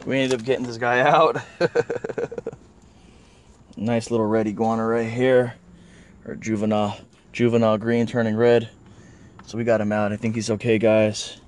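A man's voice: mid-range voice, darkish tone. A young man vlogging from inside his car at night, talking casually to viewers, cursing and grunting as he works. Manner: swears a lot, chatty, straining and grunting while working. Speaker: iguana catcher and vlogger. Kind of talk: casual vlog talk to camera.

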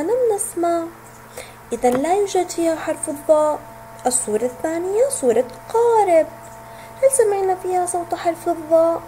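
A woman teacher with a high, warm, mellow voice that swings up and down a lot. She speaks slowly and sounds out each letter and word for small children. A faint hum runs under the recording. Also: low-quality recording. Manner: slow, clearly sounding out letters and words; asks questions, then answers them herself. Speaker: kindergarten teacher.

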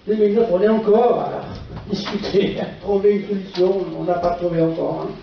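An older man with a Portuguese accent gives a conference lecture in halting French, asking short rhetorical questions. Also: high-pitched, creaky. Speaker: physician lecturer. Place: dark auditorium stage at a lectern. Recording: echoey hall, distant camera microphone, muffled, faint noise.

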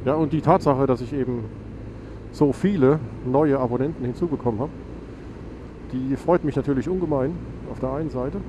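A man's voice: mid-range voice, normal speed. A man, stuffy and nasal from a cold, chatting casually while riding a motorcycle and rambling with many fillers. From Germany. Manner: rambling, self-correcting, lots of fillers. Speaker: motovlogger. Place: outdoors on a motorcycle on a country road. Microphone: helmet mic on a motorcycle. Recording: noisy motorcycle wind and engine.

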